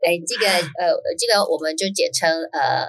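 Woman, husky voice, lowish pitch, lively conversational storyteller, schoolteacher guest on an interview. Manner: lively storyteller, many fillers and quick affirmations. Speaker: guest author and primary school teacher.

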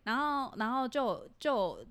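A woman's voice: a little high, takes it slowly, clean tone. A young woman from Taiwan co-hosting a casual podcast, telling a story with laughter and acting out the people in it. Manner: animated, laughing, acts out quotes loudly. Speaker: podcast co-host.

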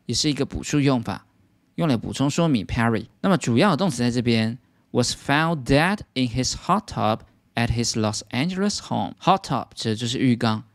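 A man's voice: medium pitch, no room sound, clean studio sound. A man teaching English vocabulary as a patient lesson, explaining words step by step.

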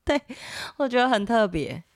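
A woman's voice: fairly high pitch, very animated, unhurried, no echo, studio quality. A pregnant woman in her thirties with a Taiwanese Mandarin accent, hosting a podcast in casual chat and laughing often. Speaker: podcast host.

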